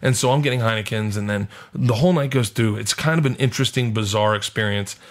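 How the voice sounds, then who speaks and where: A man telling a wild story on a podcast, animated and profane, laughing often. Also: on the low side, fast talker. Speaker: guest comedian.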